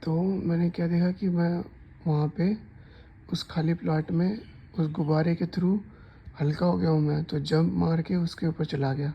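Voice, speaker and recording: A man's voice: on the high side, steady tone, a little slow, creaky, husky, muffled recording. A man casually recounting a dream in a chatty, rambling way, full of restarts and asides. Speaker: storyteller. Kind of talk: casual storytime narration.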